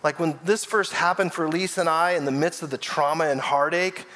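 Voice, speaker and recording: A man's voice: on the high side, fairly even intonation, fairly quick. A man, a lead pastor, preaching a sermon in a conversational way and acting out the voices in the story. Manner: grows loud and emotional telling his own story.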